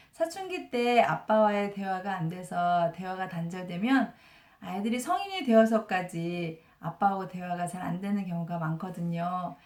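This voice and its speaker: Calm woman teacher explaining, echoey room. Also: medium pitch. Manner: calm, explanatory, uses many soft fillers. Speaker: elementary school teacher reviewing a parenting book. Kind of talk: explanatory book review talk. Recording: roomy echo.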